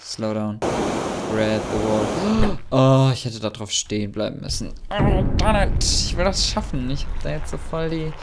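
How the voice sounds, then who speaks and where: A man giving excitable, chatty commentary while playing a game, often yelping and exclaiming. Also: mid-range voice, unhurried, very noisy. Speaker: let's player.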